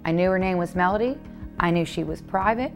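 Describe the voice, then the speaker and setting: A woman's voice: lowish voice, brisk, faint music behind. A woman news reporter telling her story in a documentary interview, earnest and repeating words when stressing a point.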